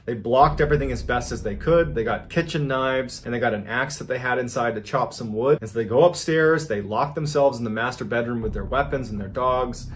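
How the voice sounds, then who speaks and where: Male podcast storyteller, suspenseful and conversational, mid-range pitch, faint hiss under the voice. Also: fairly quick, hardly any pauses. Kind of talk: storytelling narration.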